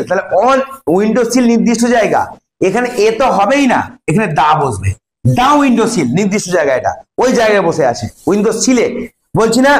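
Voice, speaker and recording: A man with a Bengali accent teaching an English grammar lesson to a class, explaining step by step and asking students questions. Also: high-pitched. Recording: echoey classroom.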